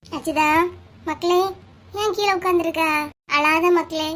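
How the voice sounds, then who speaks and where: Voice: very high-pitched, steady tone, measured pace, fairly bright tone. A performer voicing a fussy, comforting mother-in-law in a cartoon, with a Kanyakumari Tamil accent and a coaxing manner. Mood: soothing. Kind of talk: cartoon voice acting.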